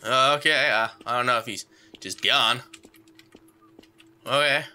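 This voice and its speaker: Playing through a horror game, this man mutters along and jumps, yelping and screaming whenever something scares him. He talks unhurriedly in a mid-range voice with a pushed, bright tone, and faint music sits in the background.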